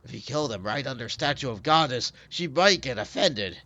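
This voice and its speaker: A man's voice: mid-range voice, lively intonation, normal speed, bright, forceful tone, dry recording. A man doing a sneering goblin sidekick. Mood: scornful. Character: scornful male goblin companion.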